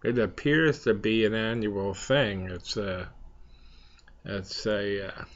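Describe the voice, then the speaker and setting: Male vlog host, low-pitched and creaky, unhurried rambling delivery with hesitant pauses, slightly muffled sound. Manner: halting, hesitant, long pauses. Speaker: host of a pipe smoking chat vlog. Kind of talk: casual rambling chat to viewers.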